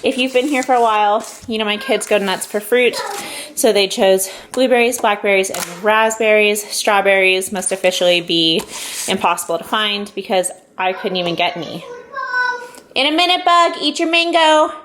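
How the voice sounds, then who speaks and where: A woman's voice: mid-range voice, steady tone, normal speed, a bit bright, a little hiss or hum. A young pregnant woman chatting casually and upbeat as a vlogger at home, with lots of fillers and asides. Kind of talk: casual haul vlog chat.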